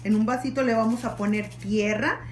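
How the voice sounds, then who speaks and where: A woman's voice: fairly high pitch, steady tone, normal speed. A woman cheerfully explaining a home activity to children. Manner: cheerful, chatty, addresses children. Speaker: children's program host. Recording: echoey room with faint noise.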